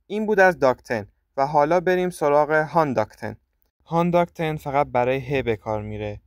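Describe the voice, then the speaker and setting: Guy from iran teaching a lesson, slow careful syllable drills, super dry close mic. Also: fairly high pitch, no echo. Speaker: language teacher. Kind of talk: scripted lesson narration.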